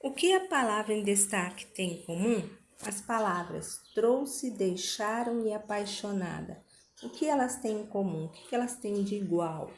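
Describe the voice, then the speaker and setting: Woman, teacher reading a lesson, slow and patient, mid pitch, slight background noise. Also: lively intonation. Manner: slow, patient, reads exercises word by word. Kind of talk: reading a school lesson aloud.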